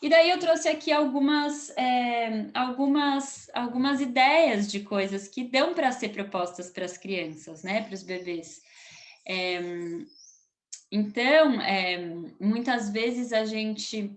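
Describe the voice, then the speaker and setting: A woman's voice: on the high side, slow. A woman with a Brazilian Portuguese accent, a consultant who works with families, explaining baby routines in a casual talk to camera, often ending with a tag question and restarting as she thinks aloud.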